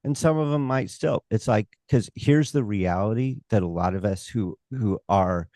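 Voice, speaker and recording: American male stage hypnotist, emphatic interview guest. Low-pitched, unhurried, very dry sound. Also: warm tone, no echo. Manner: emphatic, opinionated, halting with repeated rhetorical asides. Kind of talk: casual interview talk.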